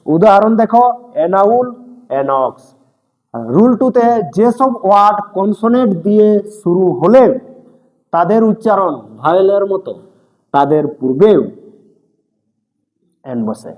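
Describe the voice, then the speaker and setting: A man's voice: high voice, animated, a little slow, pauses often, darkish tone, highs cut off. A male teacher giving a grammar lesson, speaking straight to his students and checking again and again that they follow. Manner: speaks directly to students, mixing in English terms. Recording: echoey room with long reverb.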